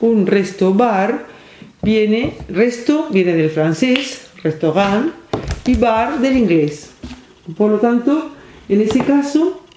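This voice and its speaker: A teacher gives a recorded university lecture, explaining at a measured pace, pausing while writing and often checking in with a soft questioning hum. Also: medium pitch, animated. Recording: echoey room with faint background noise.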